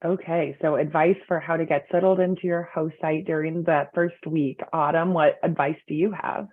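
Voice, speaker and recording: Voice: medium pitch, steady tone, moderate pace. A moderator calling on panelists one by one over a video call, friendly and organized. The sound is narrow and phone-like. There is almost no room echo. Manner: friendly, organized, guides speakers in turn. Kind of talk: hosting a webinar panel.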